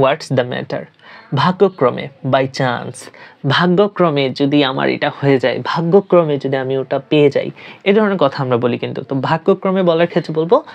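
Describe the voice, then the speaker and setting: A teacher giving a spoken English lesson, saying each phrase in Bengali and then repeating the English slowly. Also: medium pitch, gravelly.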